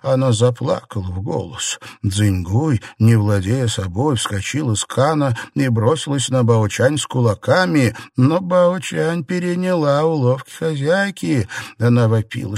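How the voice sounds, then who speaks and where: A man's voice: mid-range voice, vocal fry, darkish tone, breathy edge, dry recording, studio quality. A man reading a classic novel aloud as scripted narration. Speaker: audiobook reader.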